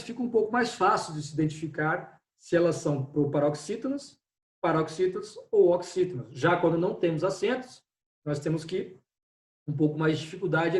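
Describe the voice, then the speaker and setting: A man teaching an online Portuguese class who explains step by step and often checks in with his students. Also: high-pitched. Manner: explanatory, repeats "né?" and "pessoal". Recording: echoey room, distant from mic.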